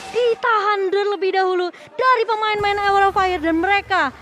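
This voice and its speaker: A woman with an Indonesian accent giving excited game commentary in a colloquial, exclamatory way. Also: extremely high pitch, moderate pace, slight background noise. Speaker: esports match co-caster.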